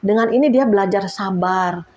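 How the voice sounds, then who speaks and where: A woman's voice: medium pitch, moderate pace, a little mellow. A woman in her fifties, an evangelist preacher, giving a chatty sermon testimony and often laughing as she talks to the congregation.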